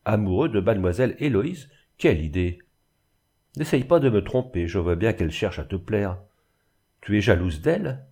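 A man's voice: fairly low pitch, animated, moderate pace, mellow, husky. A man reading the part of an ardent young man in love, earnest and eager. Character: ardent young man, anxious then passionate lover.

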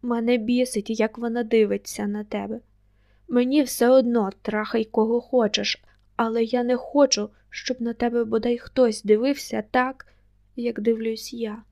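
A woman's voice: fairly high pitch, flat delivery, measured pace, muffled recording. A woman voicing a jealous, tearful young woman who speaks reproachfully to her lover. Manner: reproachful, quiet.

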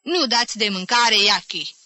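A harsh, sententious man hands down ironic verdicts with no room for reply, as a woman reads him in an audiobook. The tone is bright and dry, close and without room sound. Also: medium pitch, lively intonation, no echo, low-quality recording. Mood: stern, mocking. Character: gruff sententious man at a family dinner. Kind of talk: audiobook reading.

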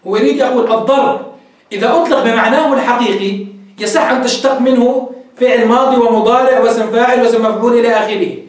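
A man teaching a class on Islamic legal theory, explaining step by step and asking rhetorical questions he answers himself. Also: very high-pitched. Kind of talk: classroom lecture. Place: classroom with a whiteboard. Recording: echoey room, mic far off.

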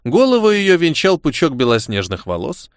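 A man reading a first-person novel aloud as an audiobook narrator, with expressive storytelling. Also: a little high, moderate pace, clear, resonant tone, no room sound, studio quality.

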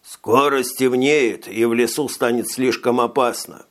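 In an audiobook reading, a male narrator voices a frail, slight, jittery little alien telepath, speaking slowly and softly with a tense mood. The pitch stays ordinary and mid-range, the intonation fairly even, and the voice is only lightly changed from his narration, close to an everyday voice.

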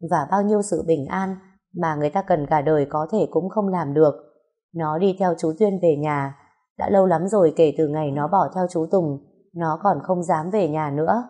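A woman narrating an audiobook story in a calm, reflective manner. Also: on the low side.

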